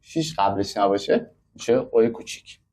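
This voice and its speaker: A man's voice: on the low side, animated, a little mellow. A man teaching braille in a classroom, explaining step by step and counting out numbers. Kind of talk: classroom lesson.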